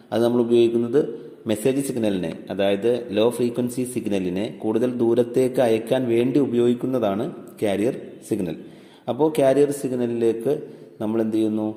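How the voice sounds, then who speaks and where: A man teaching a lesson in a mellow, dark-toned voice, asking questions and answering them himself as he goes. He reads definitions out slowly, word by word. The recording has a roomy echo with a long reverb tail. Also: medium pitch. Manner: asks questions and answers them himself, repeats key points. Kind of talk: classroom lecture explaining electronics. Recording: echoey room with long reverb.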